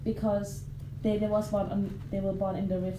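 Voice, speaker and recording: A Thai woman, a native Thai speaker, telling a story as a podcast guest in halting English full of fillers. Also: medium pitch, little pitch movement, far from the mic. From Thailand. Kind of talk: casual chat. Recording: echoey room with background noise.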